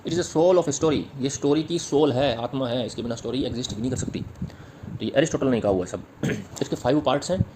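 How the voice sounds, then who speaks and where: A male literature teacher races through an exam-prep lecture at a rapid clip. He repeats the key points and sounds out rhythms aloud. His pitch sits right in the middle for a man. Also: noisy background. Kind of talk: exam-prep lecture mixing Hindi and English.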